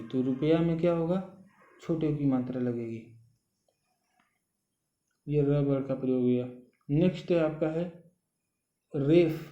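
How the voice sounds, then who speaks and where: A man's voice: on the high side, warm tone. A man teaching a grammar lesson, explaining step by step and often checking in with the listener. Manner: slow, patient explaining with frequent "ठीक है" check-ins. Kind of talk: recorded Hindi grammar lesson. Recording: dull echoey room sound.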